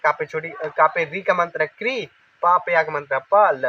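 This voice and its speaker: Patient male reading teacher, high voice, repeats each word syllable by syllable; faint hiss and birds in the background. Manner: sounds out syllables slowly, repeats words for correct pronunciation. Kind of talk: children's reading lesson. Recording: dull lo-fi recording with faint noise.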